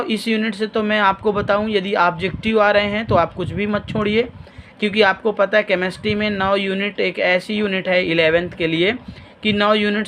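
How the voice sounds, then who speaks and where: A man's voice: high voice, a bit bright, a little hiss or hum. A man with a Madhya Pradesh Hindi accent, a chemistry teacher explaining an exam blueprint over a shared screen and telling students plainly what to study. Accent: Hindi-speaking Madhya Pradesh.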